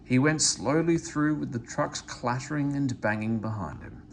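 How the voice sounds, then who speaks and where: Guy reading a kids book out loud, really expressive, pitch moves a lot, bit of background noise. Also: normal speed, creaky. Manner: expressive, animated. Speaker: storybook reader. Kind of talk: children's story read-aloud.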